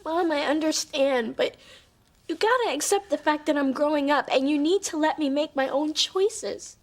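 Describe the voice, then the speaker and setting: An actress playing a young adult daughter in a sitcom, earnest and gently firm. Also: female voice, high voice, moderate pace, close to an everyday voice. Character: young woman asserting her independence from mom. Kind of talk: sitcom acting.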